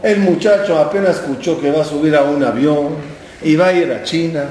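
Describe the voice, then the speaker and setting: A man's voice: a little high, fairly quick, darkish tone, slight background noise. A man giving a Torah class, telling stories with acted dialogue and asking the listeners questions. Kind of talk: sermon. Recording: very echoey room.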